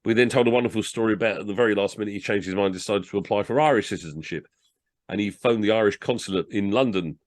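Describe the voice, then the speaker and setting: A man reading comic war stories aloud and chatting about the books, animated, jumping into voices and chuckling. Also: lowish voice, quick pace, no room sound. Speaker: storyteller. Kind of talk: story reading and casual commentary.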